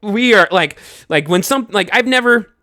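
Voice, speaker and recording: Animated young man telling a scary story. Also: high-pitched, normal speed, no echo, clean studio sound. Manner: animated, swearing, many fillers and restarts. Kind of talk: casual spoken storytelling.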